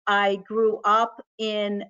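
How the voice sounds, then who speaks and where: A woman's voice: mid-range voice, completely flat delivery, drawn-out words, pushed and bright, smooth. A woman moderating a webinar panel who greets each speaker with upbeat affirmations. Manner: upbeat affirmations, some fillers. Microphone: video call. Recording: muffled video call audio.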